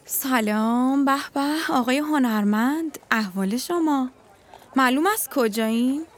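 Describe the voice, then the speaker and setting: Woman doing a worried young student girl, high voice, keeps asking whats wrong. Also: expressive. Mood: concerned. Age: young adult. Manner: worried, probing. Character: caring young female university classmate.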